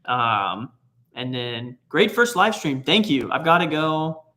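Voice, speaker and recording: A man's voice: a little high, very animated, slow, bright, forceful tone. A young man from Texas, co-hosting a travel channel livestream in an easygoing way and often repeating words as he starts a sentence. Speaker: travel vlogger co-host. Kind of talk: casual livestream chat.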